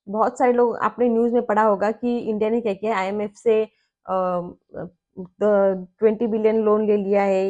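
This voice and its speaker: A woman teacher with a mellow, dark tone walks students through exam material in a conversational manner. She keeps checking that they follow and reads passages. The recording sounds somewhat dull and lo-fi. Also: medium pitch. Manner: conversational, asks checking questions. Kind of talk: explaining a lesson in Hindi.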